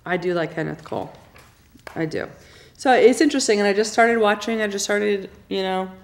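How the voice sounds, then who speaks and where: A woman co-hosting a live talk show, chatting about TV in an animated, blunt way, with her voice going hoarse. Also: medium pitch, moderate pace. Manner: animated, gushing, blunt opinions. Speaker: co-host. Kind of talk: casual chat about TV shows. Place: studio.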